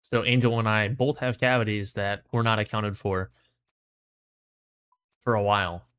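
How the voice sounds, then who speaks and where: A man's voice: on the low side, little pitch movement, a little slow, fairly bright tone, smooth, dry recording. A man livestreaming in casual, slangy, laid-back chat, his mouth numb from the dentist. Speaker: livestream host.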